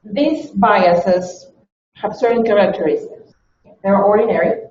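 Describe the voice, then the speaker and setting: Lecturing on bias at a workshop, a language teacher from Chile goes point by point, frequently asking "okay?". She speaks a little slowly in a medium-pitched, darkish voice. Captured in a meeting room, the sound is distant, echoey and dull, with slight background noise.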